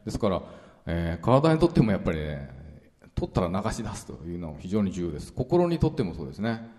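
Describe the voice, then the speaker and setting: Deep-voiced man preaching in a reverberant hall. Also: fast talker. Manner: relaxed, chatty, many fillers and asides. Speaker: pastor. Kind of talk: conversational Bible teaching sermon. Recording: long reverberant hall sound.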